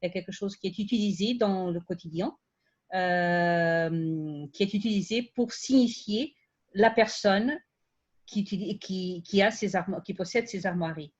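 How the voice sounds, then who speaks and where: A woman's voice: medium pitch, a little slow, lo-fi sound. A woman who is not a native French speaker, with a foreign accent in French, speaking unscripted at an academic round table and often restarting as she searches for words.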